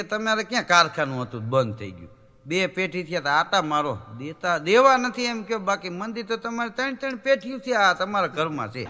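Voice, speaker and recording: A man's voice: high-pitched, pushed and bright. A man, a folk comedian telling jokes on stage and acting out voices and animal sounds. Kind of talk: live stage joke-telling. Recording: reverberant hall recording.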